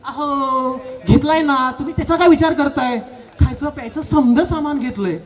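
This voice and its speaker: A man's voice: extremely high pitch, moderate pace, far from the mic. A man doing a sing-song teasing village wife. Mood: defensive. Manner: bickering, sing-song, listing things off. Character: chatty rural village wife, middle-aged, proud and teasing. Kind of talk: comic stage play.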